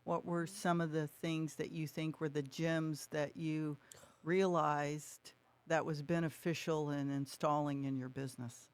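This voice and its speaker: Podcast host, interview, long winding questions, mid pitch. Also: level tone, unhurried, smooth.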